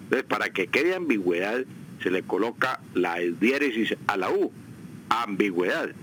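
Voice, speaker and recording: A man speaks on a radio broadcast as a language advisor. He explains grammar at a measured pace, says "eh" and "mm" often, and slowly repeats the example words. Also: on the low side, big pitch swings, a bit bright, a little hiss or hum, poor audio. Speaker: language expert on a radio show. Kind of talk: radio language advice segment.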